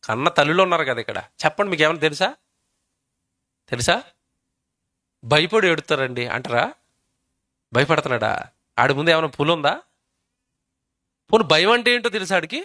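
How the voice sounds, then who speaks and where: A man preaches a sermon, firing emphatic questions at his listeners. His voice is high-pitched and bright. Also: lively intonation, a little fast, pauses often. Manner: emphatic, keeps quizzing the audience.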